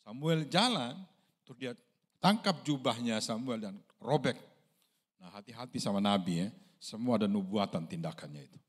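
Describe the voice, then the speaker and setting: A man's voice: expressive, moderate pace, breathy edge. A man from Indonesia, a pastor, preaching a sermon in a conversational storytelling way, asking the congregation questions and acting out quoted voices. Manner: storytelling, acts out quoted voices with big pitch jumps.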